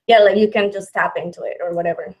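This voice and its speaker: This channel host is a Mexican woman in her thirties whose accent carries a touch of Texan. She reads viewer questions aloud and chats casually, laughing a lot and restarting phrases. Her mid-range voice is steady in tone, fast and a little mellow.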